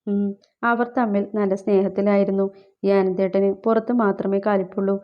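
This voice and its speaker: A woman's voice: medium pitch, level tone, normal speed, lightly acted. A woman voicing a joking, gossipy young male friend, on a slightly dull recording. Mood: teasing.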